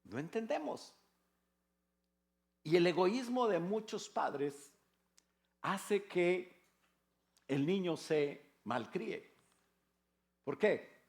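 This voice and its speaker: A man's voice: high-pitched, expressive, drawn-out words, gravelly, long pauses, a little mellow. An older man with a Mexican Spanish accent, a pastor preaching a sermon in a conversational way, with rhetorical questions and jokes. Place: church.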